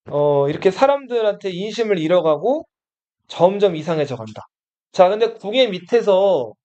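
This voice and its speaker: A man with a high, darkish-toned voice teaches Korean history to a classroom of students in a study room. He continually asks them questions and answers them himself. The recording is a dull lo-fi capture of the classroom.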